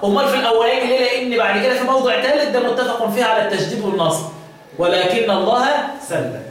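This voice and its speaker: A man with an Egyptian Arabic accent teaching the Quranic readings, quizzing his students and chanting verses slowly. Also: very high-pitched. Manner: quizzing students with repeated questions. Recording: echoey room, distant mic, faint noise.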